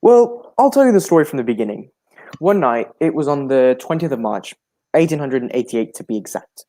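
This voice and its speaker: Man acting a mellow, genial Doctor Watson storyteller. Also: mid-range voice, big pitch swings, fairly quick, natural voice, rough recording. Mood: storytelling. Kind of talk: radio drama acting and narration in a 1940s manner.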